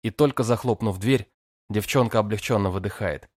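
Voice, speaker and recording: A man's voice: on the low side, fairly quick, no echo, clean studio sound. A man narrating an audiobook in the first person, with a cocky, teasing manner.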